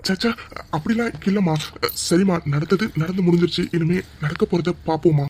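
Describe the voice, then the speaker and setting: A woman's voice: fairly low pitch, brisk, warm tone, slight background noise, natural voice. A woman voicing a middle-aged father who stammers in shock and then soothes his daughter in a cartoon drama. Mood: soothing. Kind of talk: cartoon voice acting.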